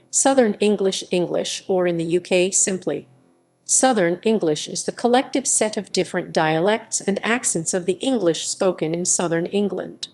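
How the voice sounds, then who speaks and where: A synthetic woman's voice reading an encyclopedia article aloud, with an even, literal delivery that spells out phonetic symbols letter by letter. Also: on the low side. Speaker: article reader.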